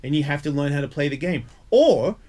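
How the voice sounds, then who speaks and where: A man's voice: fairly high pitch, level tone, rapid-fire, a little mellow. A middle-aged man chatting casually as a talk show host, blunt, emphatic and sweary. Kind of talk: casual chat.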